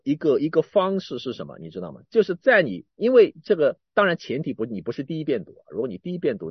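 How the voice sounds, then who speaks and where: Preaching in a husky voice, this man lets his pitch swoop and leap, repeating and restarting words while swinging between forceful outbursts and hushed asides. The audio is dull and dry, free of any room sound or echo.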